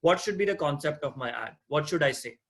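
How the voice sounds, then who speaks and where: Lecturing a class over a video call, this guest lecturer, a mortgage agent in his thirties with a non-native English accent, talks conversationally, poses questions and restarts phrases. His voice is a little high, expressive, gravelly and fairly bright, and he speaks briskly.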